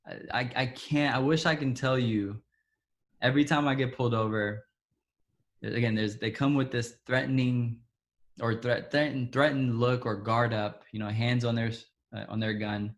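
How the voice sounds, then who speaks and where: Recounting his own story in an interview, a man from Ethiopia halts, restarts often, and lets soft asides trail away. His voice is mid-range with a steady tone.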